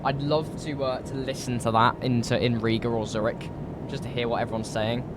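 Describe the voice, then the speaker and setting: Croaky British man live streaming over rumble. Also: steady tone, brisk. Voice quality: slightly croaky. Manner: chatty, informal, thinking aloud. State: recovering from a cold. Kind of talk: casual live stream chat while flight simming.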